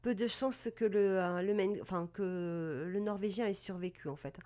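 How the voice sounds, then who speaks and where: A woman's voice: medium pitch, normal speed, warm tone. Chatty woman hosting a live stream. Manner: chatty, many fillers and self-corrections, greets viewers. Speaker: live streamer presenting cat breed history. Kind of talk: casual live-stream talk.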